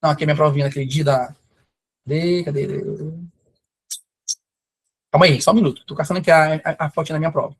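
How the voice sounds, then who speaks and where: A man's voice: on the high side, steady tone, quick pace, long pauses, slightly rough. A man from Brazil, a math teacher giving a live online exam-prep class, chatty and enthusiastic with storytelling asides. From Pará, Brazil. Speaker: math teacher for civil service exams.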